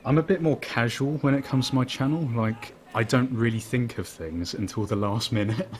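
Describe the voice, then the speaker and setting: A young man with a medium-pitched voice guests on a game stream, talking at a moderate pace over a little hiss or hum. It's a casual gaming chat where he laughs often and cracks playfully sarcastic, self-deprecating jokes.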